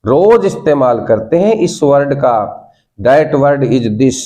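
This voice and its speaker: This Indian-accented man teaches spoken English, encouraging learners and repeating prompts they echo back. He speaks slowly in a dark, medium-pitched voice with big swings in pitch.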